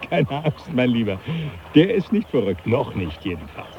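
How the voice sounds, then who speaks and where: A man acting in a German radio drama as a jovial, teasing older professor, animated and patronising in an avuncular way. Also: medium pitch, moderate pace. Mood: gleeful, teasing. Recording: dull radio drama, loud background noise.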